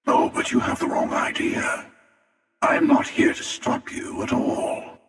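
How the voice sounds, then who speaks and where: A man voicing a smug, menacing, world-weary hunter from a video game, with a breathy rasp and sardonic, deliberate delivery. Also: a bit bright, shouting. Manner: sardonic, deliberate, drawling taunts. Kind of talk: video game character voice acting. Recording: echoing, long reverb, distant.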